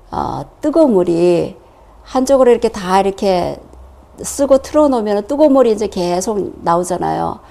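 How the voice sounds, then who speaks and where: A woman giving a personal testimony in church, telling her story in a lively way and acting out the dialogue. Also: medium pitch, creaky.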